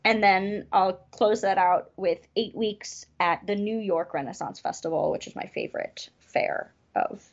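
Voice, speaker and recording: Gravelly-voiced upbeat woman performer. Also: mid-range voice. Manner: chatty, upbeat, quick asides. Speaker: festival variety performer. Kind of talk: casual interview chat. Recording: dull lo-fi sound.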